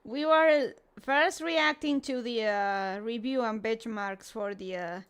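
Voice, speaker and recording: A woman's voice: a little high, slow pace, smooth. A woman hosting a casual livestream, chatting with viewers and reacting in a cute, playful anime-streamer manner. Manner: sprinkles Japanese greetings into talk. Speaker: livestream host.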